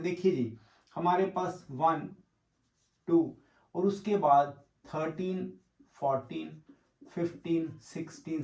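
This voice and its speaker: Male chemistry teacher, slightly high voice, self-questioning lecture style, roomy echo. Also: darkish tone. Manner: explains step by step, asks and answers own questions; mixes English terms into explanation. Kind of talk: classroom lecture with board work.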